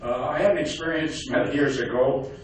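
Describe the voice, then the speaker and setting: An older man giving a speech to a community audience, halting with many fillers and restarts. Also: medium pitch, a little hiss or hum. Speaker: guest speaker. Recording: echoey hall from far off.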